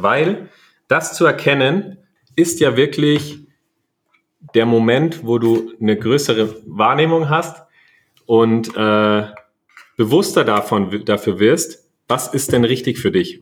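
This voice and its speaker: A man co-hosting a casual coaching chat, talking in animated bursts and listing things in quick runs. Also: medium pitch. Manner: German. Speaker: podcast co-host.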